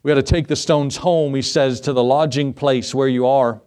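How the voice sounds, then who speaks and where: A man's voice: mid-range voice, fairly even intonation, normal speed, darkish tone, clean tone. A middle-aged man preaching to his church, telling a funny story, acting out both sides of a conversation and laughing often. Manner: humorous, acts out dialogue, laughs often. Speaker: pastor. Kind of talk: storytelling sermon. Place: church sanctuary.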